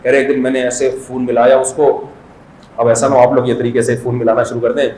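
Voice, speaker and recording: A man's voice: medium pitch, flat delivery, a little mellow, roomy sound, slight background noise, low-quality recording. A man giving a conversational, humorous sermon as an Islamic scholar, telling stories and acting out voices. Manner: storytelling, jokes, brief acted voices in anecdotes.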